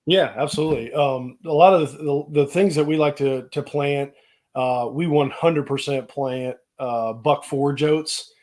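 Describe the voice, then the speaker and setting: A man's voice: fairly high pitch, unhurried, a little mellow. A man co-hosting a casual livestream, speaking in an easygoing, plain-spoken way. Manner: easygoing and plain-spoken, with many "you know" fillers. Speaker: co-host. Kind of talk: casual live chat.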